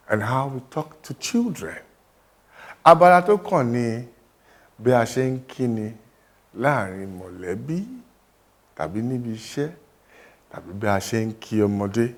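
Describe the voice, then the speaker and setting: A man teaching greetings, coaxing his student to repeat after him in a playful way. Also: on the low side. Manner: coaxing, playful, mixes English and Yoruba. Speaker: language teacher.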